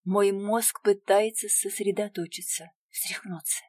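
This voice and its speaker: A woman narrating a first-person audiobook in a quiet, tense, measured voice. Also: medium pitch, fairly even intonation, no echo, clean studio sound.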